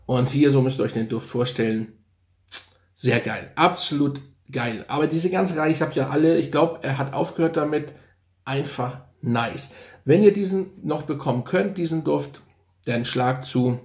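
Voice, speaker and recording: A man's voice: fairly high pitch, moderate pace, darkish tone, echoey room. A man casually reviewing fragrances, enthusiastic and thinking aloud, repeating his slang praise as he goes. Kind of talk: casual unscripted product review.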